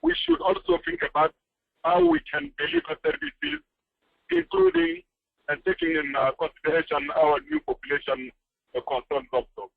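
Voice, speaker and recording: A man speaking as a panelist over a choppy phone line that keeps breaking up, earnest and pausing often with fillers. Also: very high voice, very animated, vocal fry, no room sound. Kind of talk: panel discussion. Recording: tinny phone line cutting in and out.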